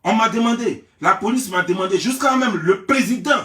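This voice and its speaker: A young man from Côte d'Ivoire with an Ivorian French accent, ranting in a theatrical, mocking gossip vlog and often raising his voice to a shout. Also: high-pitched, normal speed. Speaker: gossip vlogger. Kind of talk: mocking gossip rant to camera. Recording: roomy, mic at a distance.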